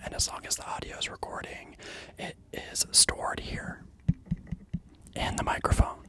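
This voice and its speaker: An ASMR channel host whispering softly into a handheld field recorder with a fluffy windscreen, repeating words for their sound. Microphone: handheld field recorder with fluffy windscreen, stereo.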